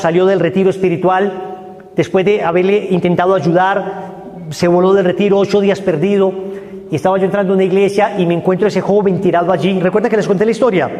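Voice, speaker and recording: High-voiced preacher in an echoing hall. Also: male voice. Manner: dramatic, swinging from high urgent cries to hushed low tones. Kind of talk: sermon. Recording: echoey hall with long reverb.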